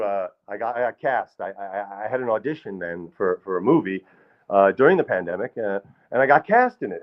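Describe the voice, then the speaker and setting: The recording, missing its high frequencies, captures a middle-aged performer with a medium-pitched voice spinning comic, rambling tales about acting to a live crowd in a small hall. He is self-deprecating and keeps restarting his sentences.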